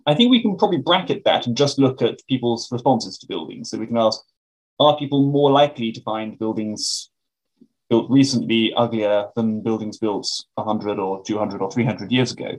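A man's voice: on the low side, normal speed, poor audio. A British man speaking as an academic interview guest, explaining things in a donnish, carefully qualified way.

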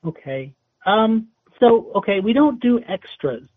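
A man's voice: high-pitched, big pitch swings, unhurried. A man working as a casting agent, talking hesitantly with many restarts, heard over a phone speaker. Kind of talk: phone call. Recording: tinny phone line.

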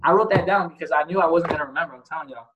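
A man's voice: fairly high pitch, racing, dull audio, slight background noise. A man giving a casual motivational talk as host, blunt and profane, asking many rhetorical questions. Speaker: podcast host.

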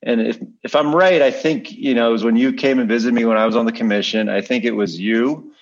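A man's voice: medium pitch, steady tone, a little fast, muffled recording. A man co-hosting a podcast in casual, conversational talk. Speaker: podcast co-host. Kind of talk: casual chat.

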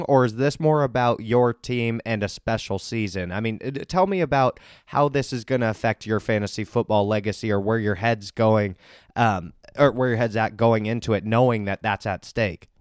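A man's voice: medium pitch, moderate pace, dry recording, clean studio sound. A man hosting a casual sports podcast, building hype with upbeat banter as he interviews league members. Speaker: podcast host and league commissioner.

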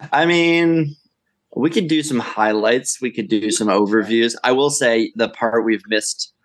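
A man's voice: mid-range voice, measured pace. A young man co-hosting a podcast, talking in a rambling, easygoing way and laughing often. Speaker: podcast co-host. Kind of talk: casual chat.

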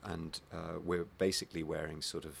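Very deep, creaky Home Counties man. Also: little pitch movement, moderate pace, a little hiss or hum. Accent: Home Counties English. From Hertfordshire, England. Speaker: stage actor being interviewed. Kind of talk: reflective interview conversation.

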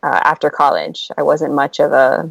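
Chatty low-voiced young woman guest. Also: animated, moderate pace, creaky, dry recording, low-quality recording. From Oahu, Hawaii. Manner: chatty, filler-heavy, laughs easily. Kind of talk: casual conversation. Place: at home.

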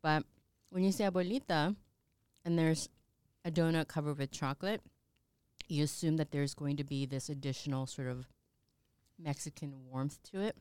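A woman's voice: low voice, fairly even intonation, moderate pace, pauses often, darkish tone, smooth, no echo. A woman co-hosting a podcast, chatting playfully about food. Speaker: podcast co-host. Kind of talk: casual chat.

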